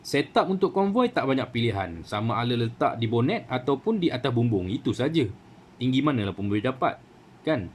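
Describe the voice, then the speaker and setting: Very animated and fairly quick, a medium-pitched Malaysian Malay-accented man hosts his radio hobby channel with a chatty how-to talk. Fillers and rhetorical "kan?" asides abound, over a little hiss or hum.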